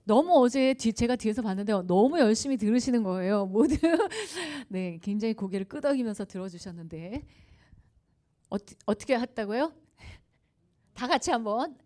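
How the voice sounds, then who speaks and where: A woman's voice: on the high side, animated, normal speed, mellow. A woman giving a conversational lecture at a church revival meeting, telling anecdotes, questioning the audience and laughing often. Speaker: guest speaker at a revival meeting. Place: church service before a congregation.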